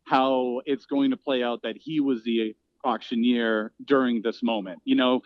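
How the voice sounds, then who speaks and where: A man's voice: medium pitch, steady tone, unhurried, no room sound. Male podcast co-host, thoughtful and searching, slightly muffled, dry close mic. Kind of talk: casual podcast chat.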